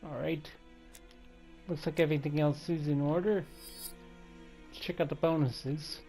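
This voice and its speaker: A man's voice: fairly high pitch, steady tone, unhurried, dark tone, soft background music. Chatty man narrating a game menu. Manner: chatty, reads menus and counts items aloud. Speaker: let's play host. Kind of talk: casual gameplay commentary.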